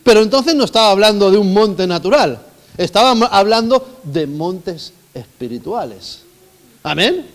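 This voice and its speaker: A male pastor preaches with emphatic swings between loud calls and hushed asides, often asking the congregation questions. His voice sits high for a man. The sound rings with the long reverb of a church hall. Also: animated, a little slow. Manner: emphatic, rising and falling dynamically, asks the congregation questions. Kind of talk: sermon.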